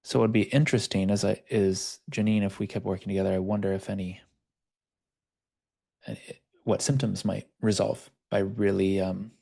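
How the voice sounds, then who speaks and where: A man's voice: lowish voice, fairly even intonation, moderate pace, gravelly, mellow. A man who works as a life coach, teaching an online workshop over a video call in a conversational, storytelling way.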